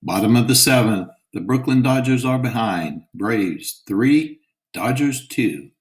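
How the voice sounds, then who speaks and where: A man voicing an excited male radio baseball announcer, calling the play emphatically and high. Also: measured pace, lightly acted, low-quality recording. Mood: announcing.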